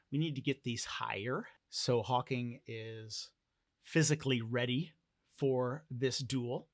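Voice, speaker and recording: A man narrating a solo tabletop role-play game in a measured, deliberate storytelling manner. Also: medium pitch, dry recording, studio quality.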